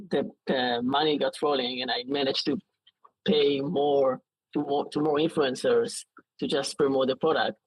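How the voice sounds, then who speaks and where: In a casual, halting manner full of false starts, a man in his late twenties with an Israeli accent answers as an interview guest. He has a husky, medium-pitched voice, recorded dry and roughly.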